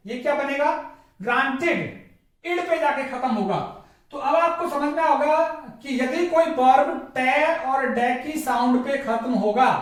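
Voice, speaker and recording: A man teaching English pronunciation in a classroom-style lesson. He drills each word by repeating it, and he asks questions and then answers them himself. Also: very high voice. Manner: drills words by repetition, asks and answers his own questions. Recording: echoey room, mic far off.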